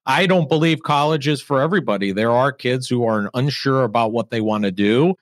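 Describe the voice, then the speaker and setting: A man's voice: medium pitch, brisk, dry recording, studio quality. A middle-aged man with an American accent, interviewing a guest as a podcast host in a conversational way.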